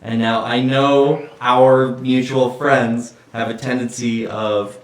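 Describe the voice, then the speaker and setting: A man co-hosting a casual live-stream chat, thinking out loud with hesitant restarts and casual swearing. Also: mid-range voice, flat delivery, slow. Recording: echoey room, far from the mic.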